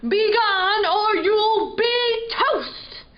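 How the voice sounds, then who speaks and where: A woman's voice: very high voice, extremely slow, lo-fi sound, voice pushed up, heavily acted. A woman voicing a grumpy fire-breathing male dragon who growls and puffs out threats in a storybook reading. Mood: threatening.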